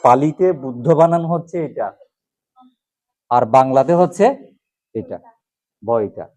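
Male teacher, slightly high voice, drills letters and quizzes the class, close dry sound. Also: mellow, no echo. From Bangladesh. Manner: asks questions and repeats answers. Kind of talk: classroom lesson on alphabet pronunciation.

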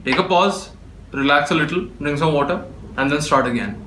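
A man teaches in a patient, step-by-step way, his voice sitting a little high for a man and sounding bright and forceful. He is recorded in a room with clear echo. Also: normal speed, slight background noise. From India. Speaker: beatboxer teaching. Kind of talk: spoken tutorial. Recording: echoey room.

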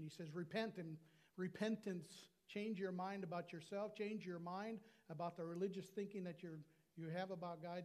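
An older American man preaching an earnest sermon on a lapel mic in a small church. His voice sits a little high for a man. He slows right down to lean on the words that matter. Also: darkish tone. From United States. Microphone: lapel mic at a pulpit.

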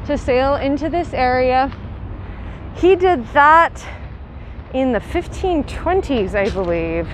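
Woman tour guide, young, chatty explainer, higher voice, faint city noise outdoors. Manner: chatty, explanatory, with light laughs. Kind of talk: walking tour narration. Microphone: handheld camera, guide mostly off screen.

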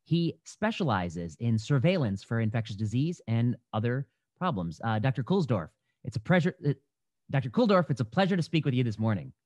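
A young man hosts a podcast interview over a video call from a room at home, using a headset mic. His mid-range, slightly mellow voice is very animated and a little fast, and he talks thoughtfully with many fillers and restarts. The audio is dull and dry with no echo.

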